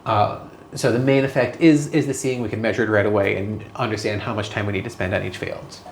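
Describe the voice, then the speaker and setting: A man's voice: on the low side, fairly even intonation, fast talker. Man, casual vlog talk, hesitant thinking aloud, echoey room, faint background noise. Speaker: astronomy observer.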